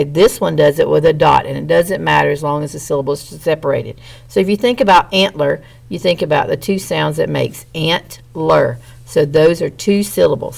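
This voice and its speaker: A woman's voice: low voice, gravelly, darkish tone. A woman teacher, patiently explaining a reading lesson step by step to children.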